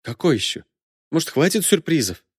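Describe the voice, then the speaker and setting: A man's voice: on the high side, sing-song, a little fast, breathy edge, dry recording, clean studio sound, pitched above the performer's own voice, heavily acted. A man putting on a prickly female cook. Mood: wary. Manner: suspicious, curt questions.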